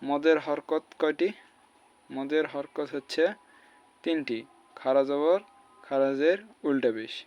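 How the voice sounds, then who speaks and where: A man's voice: a little high, steady tone, slow pace, long pauses, dull audio. A man, teaching a spoken lesson and spelling out letters and vowel marks syllable by syllable. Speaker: Quran recitation teacher.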